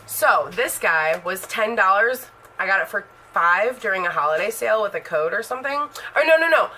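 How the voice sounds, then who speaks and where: Bright-voiced chatty woman in her thirties. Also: medium pitch, expressive, normal speed, low-quality recording. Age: 30s. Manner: rambling and chatty, heavy on fillers. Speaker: beauty vlogger. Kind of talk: casual chat showing a makeup collection.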